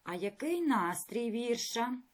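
A woman teacher leading a recorded reading lesson for fourth graders, addressing pupils directly with questions and praise. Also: a little high. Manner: slow, clear classroom explaining with lively intonation. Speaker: primary school teacher.

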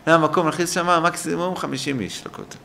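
A man's voice: fairly high pitch, vocal fry, bright, forceful tone. An older man, a rabbi giving a synagogue lesson, telling stories with animation and acting out the people he quotes. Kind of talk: storytelling sermon. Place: synagogue hall.

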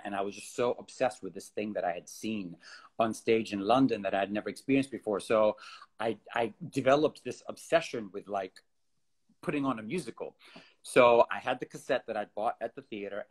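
A man in his thirties from Kenya, a theater director, telling stories in a relaxed way with frequent ums and likes over a video call from home. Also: fairly low pitch. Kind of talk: casual video-call interview. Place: home room with bookshelves. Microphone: laptop webcam on video call.

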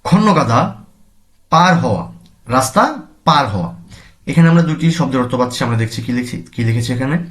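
A man from Bangladesh teaching a language lesson, slowly saying each word and then its meaning, repeating terms for his students. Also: mid-range voice, expressive, fairly bright tone. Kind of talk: classroom lesson explanation.

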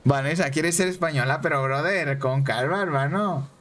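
A Mexican man streaming a game, chatting excitably with viewers and repeating himself. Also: a little high, moderate pace. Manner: excitable, repeats phrases, banters with chat. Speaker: gaming streamer. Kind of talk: casual live-stream chat over gameplay.

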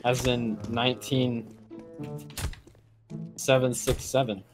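A man's voice: medium pitch, level tone, slow, music in the background. A teenage boy chatting casually while playing a shooter game, goofy and prone to bursts of laughter. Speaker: gamer. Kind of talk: casual gaming chat.

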